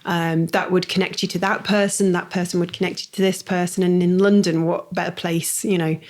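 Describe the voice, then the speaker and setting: Lowish-voiced woman hosting a podcast. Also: flat delivery, brisk, a little mellow. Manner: encouraging, affirming. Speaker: podcast host. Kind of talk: podcast interview.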